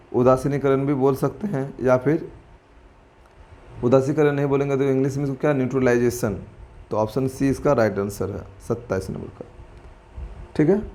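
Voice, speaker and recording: A male teacher works through exam questions in a chatty, informal way. He talks to viewers like friends, thinks out loud and corrects himself as he goes. He drops English terms into his explanations, in a voice of middling pitch. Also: fairly even intonation, normal speed. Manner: thinks aloud and corrects himself mid-answer. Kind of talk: exam-prep lesson walking through quiz questions.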